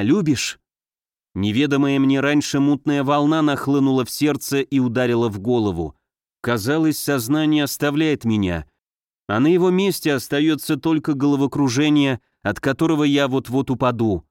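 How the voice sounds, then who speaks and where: A man narrating a first-person story in a steady, measured reading, on a close studio mic. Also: mid-range voice, clear, resonant tone, no room sound. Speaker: audiobook reader.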